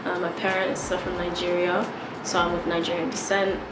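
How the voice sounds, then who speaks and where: A young woman speaks thoughtfully and steadily. Her voice is fairly low and level. Echo and noise fill the room. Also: level tone, moderate pace. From London. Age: young adult. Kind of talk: interview answer.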